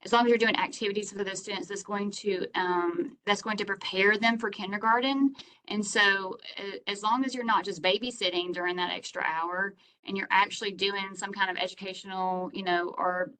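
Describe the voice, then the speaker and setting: A woman's voice: mid-range voice, steady tone, normal speed, fairly bright tone, a little hiss or hum, rough recording. A woman hosting online office hours, explaining grant application rules over a video call in a conversational, step-by-step way.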